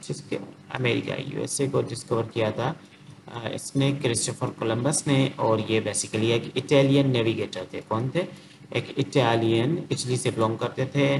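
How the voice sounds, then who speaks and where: A man from Sindh, working through quiz questions as a teacher. He reads each question out slowly in English, then explains it unhurriedly in with lots of fillers. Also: medium pitch. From Sindh, Pakistan. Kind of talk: explaining quiz answers on a whiteboard. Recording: noticeable background noise.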